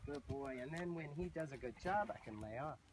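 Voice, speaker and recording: A man teaching horse handling, giving calm, soothing voice cues to a horse outdoors. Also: fairly high pitch, fast talker. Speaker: horse trainer. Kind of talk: instructional demonstration. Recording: loud outdoor noise, distant mic.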